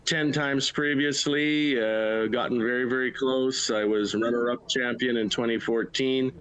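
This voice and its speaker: A man's voice: mid-range voice, fairly even intonation, unhurried, fairly bright tone, clear, resonant tone, rough recording. A middle-aged man with a Canadian Prairie accent, answering interview questions in a plain-spoken way, in short bursts. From Manitoba, Canada. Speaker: livestock auctioneer, interview guest. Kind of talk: casual interview conversation.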